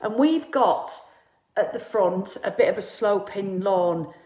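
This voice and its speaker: A woman in her 50s hosts a casual live talk for viewers, chatty and blunt, swearing freely and acting out the people she quotes. Her mid-range voice is expressive and slow with a darkish tone, and the sound is roomy.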